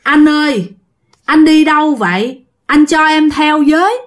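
An eerie young male ghost, as a woman narrator puts him on, pleads over and over in a thin, high voice that sits well above her usual pitch. He sounds a touch set back from the mic and louder than the telling around him, hollow and unsettling within a spoken ghost story. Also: a little slow. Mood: eerie pleading. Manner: soft, pleading repetition.

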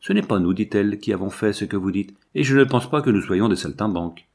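A man's voice: fairly low pitch, lively intonation, fast talker, gravelly, darkish tone. Man voicing a spirited orphan girl, bold, defiant.

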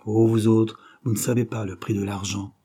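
A man's voice: on the low side, little pitch movement, normal speed, dark tone, breathy edge. A man reading aloud and voicing a boastful, brash young art critic who chases women, in a mocking, raised voice.

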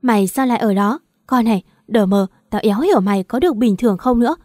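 Woman voicing a foul-mouthed scolding big sister type, loud, impatient, warm dark tone, dry sound. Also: a little high, quick pace, dry recording, close to an everyday voice.

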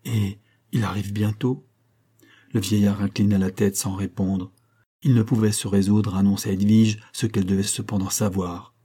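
A man narrating a literary audiobook in a measured, expressive reading. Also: fairly low pitch, slightly rough.

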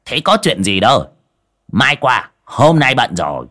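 A man voicing a fawning, panicky middle-aged male village medium, wailing high and strained. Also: sing-song, measured pace, pushed and bright. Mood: fussing.

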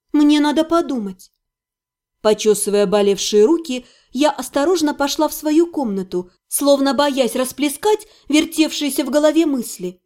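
A woman narrating a first-person fantasy audiobook, expressive in dialogue. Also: sits high. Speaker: audiobook reader.

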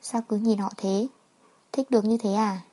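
Curt mocking rich man, dark breathy tone, read by a woman storyteller. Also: medium pitch, fairly even intonation, normal speed, lightly acted. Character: cold, teasing rich man.

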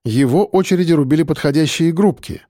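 A man narrating an audiobook in the first person in a steady, tense storytelling manner. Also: fairly high pitch, fairly quick, no room sound, studio quality.

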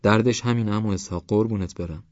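A desperate village mother wailing and pleading, her voice pushed up high and loud, as a male narrator puts her on. She sounds shrill and worn out, begging for help. The recording is dry and slightly dull. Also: no room sound, close to an everyday voice. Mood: lamenting.

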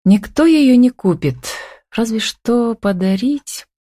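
Woman reading as a lively young heroine in love. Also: mid-range voice, a little slow, no room sound, clean studio sound, voice pushed up.

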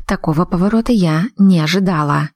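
Woman reading a first-person audiobook, lowish voice, dry close sound. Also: fairly quick, a little mellow, no echo. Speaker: audiobook reader.

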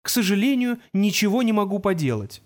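A man voicing an ancient, gloomy male robot in an audiobook, with a creaky, grating voice and a slow, moaning, self-pitying drawl. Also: sits high, very animated, voice pushed up. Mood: mournful. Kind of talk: audiobook character voice.

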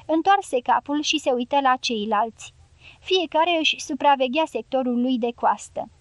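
A woman narrating a novel as an audiobook in a steady, even storytelling manner. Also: high-pitched, no echo.

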